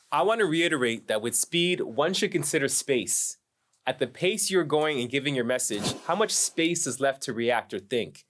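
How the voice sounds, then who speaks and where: A man's voice: mid-range voice, a bit bright. A man who is a hip-hop artist, teaching a performance masterclass in a laid-back, slangy way. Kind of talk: instructional masterclass talk.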